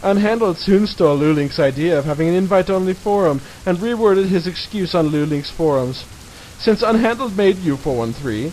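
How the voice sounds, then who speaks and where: Male narrator, somewhat high-pitched, theatrical mocking read of satire, faint background hiss on a homemade recording. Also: darkish tone. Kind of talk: mock-dramatic reading of a satirical article. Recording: hissy, noisy home recording.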